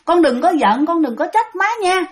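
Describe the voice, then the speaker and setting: A woman's voice: very high voice, animated, normal speed, voice pushed up. A woman playing a grieving, anxious mother who speaks tearfully.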